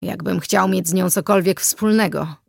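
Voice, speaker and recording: A woman doing a calm curt vampire man, dry matter-of-fact lines, close dry audiobook voice. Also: fairly low pitch, normal speed, vocal fry, no echo. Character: calm, gruff adult male vampire landowner.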